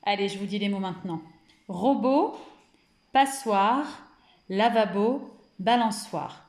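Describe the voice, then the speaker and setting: A woman with a French accent teaches small children over a recording, drawing out every syllable at a very unhurried pace. She praises often and sounds like she is in a roomy, echoing space. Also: mid-range voice, darkish tone. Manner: slow, deliberate, stretches out words and syllables. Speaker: kindergarten teacher. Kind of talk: remote phonics lesson for young children.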